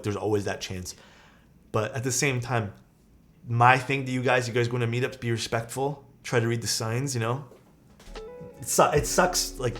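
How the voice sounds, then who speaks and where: Man in his thirties, livestream chat, rambling and venting, medium pitch, faint music behind. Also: a bit bright. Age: 30s. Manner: rambling, venting, frequent fillers and swearing. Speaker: keyboard-building streamer. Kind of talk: casual livestream chat reading viewer comments.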